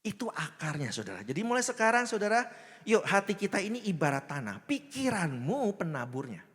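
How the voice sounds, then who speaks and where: A man preaching a lively sermon as pastor, joking and acting out little voices while often checking in with the congregation. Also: high voice, fairly quick. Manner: animated, jokes and acts out voices, asks the congregation often. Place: church hall. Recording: long hall reverb.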